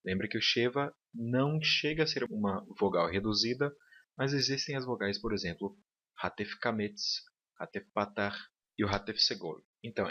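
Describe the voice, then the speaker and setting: A man's voice: on the low side, sharp tone, breathy edge. A man teaching a recorded online lecture, explaining step by step and often checking in with his students. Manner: patient, checks in with "tá bom?". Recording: dull lo-fi audio.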